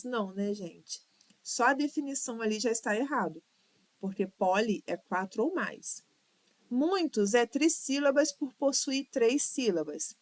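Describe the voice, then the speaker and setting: This Brazilian woman teaches Portuguese for exams online, patiently reviewing questions and breaking words into syllables, counting them aloud and drawing them out. Her voice is high and fairly bright, with no echo.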